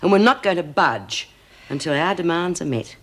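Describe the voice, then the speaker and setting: A woman's voice: on the low side, expressive, moderate pace. An actress playing a blunt, combative woman prisoner with an Australian accent in a television prison drama. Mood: defiant. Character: defiant, hard-talking woman prisoner leading a protest.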